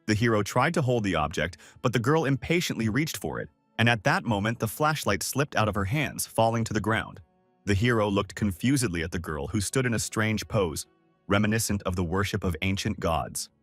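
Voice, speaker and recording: A man narrating a comic recap in a scripted storytelling read, his pitch rising and falling freely. The voice sits close and dry, with faint music playing underneath. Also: brisk, no echo. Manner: steady storytelling read, summarizing comic panels.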